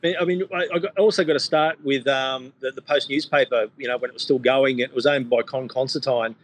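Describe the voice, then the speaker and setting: A man's voice: mid-range voice, steady tone, fairly quick, a little hiss or hum, low-quality recording. A man, a sports journalist guest, telling stories in casual chat, rambling with many fillers and restarts. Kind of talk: casual podcast chat, storytelling.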